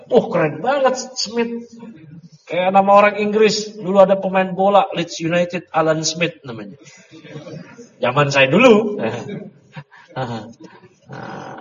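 A middle-aged man leads a grammar lesson in a relaxed, conversational way, joking with students and stopping to ask whether they follow. His voice sits a little high. The recording is dull and lo-fi, with a long reverb trailing off the walls. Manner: chatty, joking asides, quizzing students. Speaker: teacher of an Arabic grammar class. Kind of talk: casual classroom lesson. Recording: dull lo-fi audio with long reverb and faint noise.

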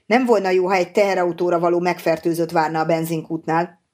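A woman reading an audiobook, voicing a calm, cautious male scientist in measured, explaining tones. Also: lowish voice, lightly acted.

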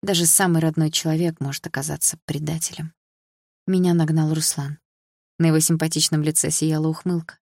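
A woman reads a first-person audiobook in a calm, measured way. Her voice sits low, and the recording is dry and close, with no room sound. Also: no room sound. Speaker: audiobook narrator.

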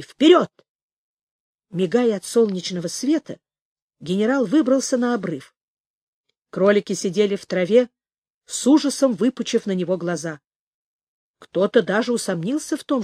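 A woman narrating a novel as an audiobook, in a measured, expressive reading. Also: medium pitch, dry recording, studio quality. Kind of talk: scripted narration.

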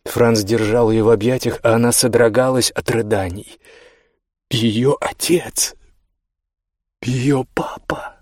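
A man reading a novel aloud as a narrator, measured and tense. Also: medium pitch, steady tone, a little mellow, no room sound, studio quality. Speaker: audiobook narrator. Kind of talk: scripted narration.

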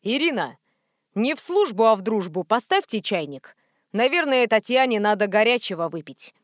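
A woman's voice: on the high side, sing-song, moderate pace, dry recording, studio quality. A woman voicing a stern, irritable male doctor who talks in a firm, lecturing way.

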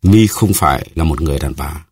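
A man reading an audiobook, voicing a stern swordsman who speaks in a cold, measured way. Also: lowish voice, lively intonation, a little mellow, slightly rough, no room sound.

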